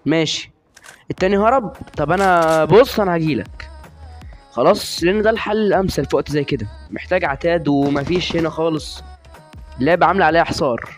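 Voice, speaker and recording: Fast, high-voiced Egyptian gamer. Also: male voice, faint music behind. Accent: Egyptian Arabic. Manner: chatty, teasing, trash-talking opponents. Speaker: gamer commentating his own play. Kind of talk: live gameplay commentary.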